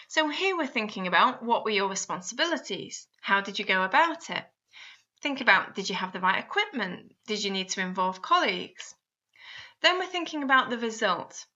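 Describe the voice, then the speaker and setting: Her voice here is fairly high and very bright as she works through a step-by-step guide in a scripted voice-over, speaking to the listener like an instructor and frequently posing guiding questions. Once again, the recording comes across a little dull and lo-fi.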